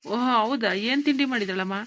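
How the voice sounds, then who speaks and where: A woman's voice: fairly high pitch, normal speed, fairly bright tone, close to an everyday voice. A woman voicing an impatient young husband in a cartoon, scolding his wife. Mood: angry. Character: angry young husband, the son. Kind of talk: cartoon voice acting.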